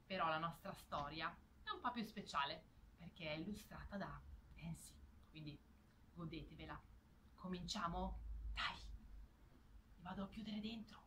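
Soft-spoken woman with a bright voice. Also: lowish voice, moderate pace, slight background noise. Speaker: storyteller introducing the reading. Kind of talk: casual introduction.

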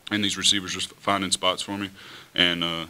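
A young man, a college quarterback, answering at a post-game press conference in a relaxed, easy way at a table mic. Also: deep voice, a little fast. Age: young adult. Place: press room in front of a team backdrop. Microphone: table mic on a stand.

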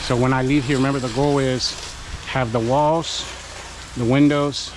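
A man's voice: mid-range voice, fairly even intonation, normal speed. Chatty man coaching while washing a house. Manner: chatty, encouraging, talks to viewers while working. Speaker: pressure washing business owner and channel host. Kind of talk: casual work vlog with coaching. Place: outdoors at a house being washed. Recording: noisy outdoor recording.

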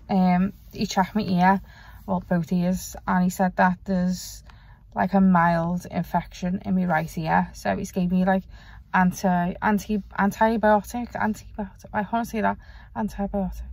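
A woman's voice: mid-range voice, vocal fry, no echo. A young woman vlogging in casual, rambling chat, self-deprecating and swearing now and then. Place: parked car.

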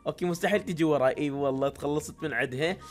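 A woman with an Iraqi Arabic accent hosting excited game commentary, with shouty exclamations. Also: deep voice, fast talker, music in the background. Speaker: gaming channel host.

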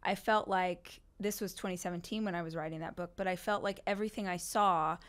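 A woman hosting an interview, talking in an earnest, conversational way and acting out quoted reactions, on a studio boom mic. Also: fairly even intonation, a little fast, a bit bright. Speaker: podcast host. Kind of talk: casual interview chat. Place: bright living-room studio set, indoors.

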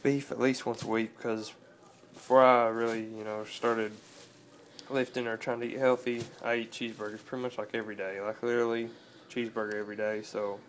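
A man's voice: mid-range voice, little pitch movement, a little fast. A nineteen-year-old man casually vlogging at home into a phone camera, rambling with lots of fillers. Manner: laid-back, rambling with many "uh" fillers. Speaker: fitness vlogger. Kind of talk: casual vlog. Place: home room, indoors. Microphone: phone camera close up.

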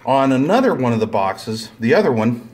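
A man's voice: mid-range voice, big pitch swings, normal speed, darkish tone. A man talking through a hands-on repair tutorial in a rambling, plain-spoken way, full of fillers and restarts, filming close-up at a table indoors. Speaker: DIY video maker.

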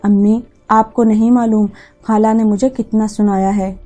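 A woman voicing a sharp-tongued young daughter-in-law who talks back defensively in a mellow, low-key tone. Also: fairly even intonation, moderate pace, lightly acted. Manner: snappish and defensive.

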